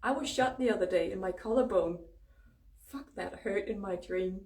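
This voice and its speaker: A woman's voice: mid-range voice, moderate pace, darkish tone. A woman with a Danish accent, a native Danish speaker, giving a casual spiritual talk as host, informal and emphatic with free swearing. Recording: roomy echo, distant microphone.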